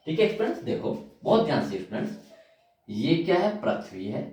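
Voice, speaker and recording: A male physics teacher giving a classroom lecture, animated and constantly addressing his students, repeating key terms as he writes them out. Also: a little high, brisk. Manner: animated, calls out to students often, repeats terms while writing. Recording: loud echo, from far off.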